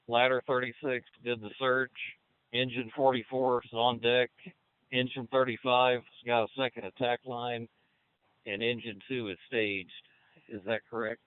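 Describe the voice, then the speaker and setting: A man's voice: mid-range voice, clean tone, dry recording. Man, battalion chief, clean voice, firefighter radio talk, narrow-band transmission. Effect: two-way radio transmission.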